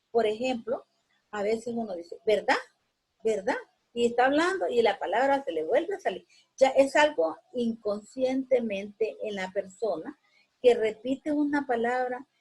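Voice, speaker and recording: A woman teacher with a rather high but dark, husky voice explains a lesson patiently, using everyday examples, in a rough recording. She keeps tagging sentences with a questioning check and uses frequent hesitation fillers.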